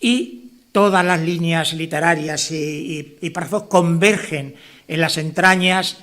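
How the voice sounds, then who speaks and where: Male author from La Mancha, fairly high voice, loose rambling delivery full of restarts and tag questions. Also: measured pace, fairly bright tone. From La Mancha, Spain. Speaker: author presenting his novel. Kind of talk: informal speech at a book presentation.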